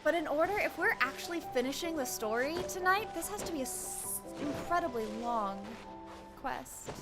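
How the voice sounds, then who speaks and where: A woman's voice: high-pitched, expressive, moderate pace, poor audio. A young woman streaming a video game, chatting casually in a rambling, slangy way. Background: game music.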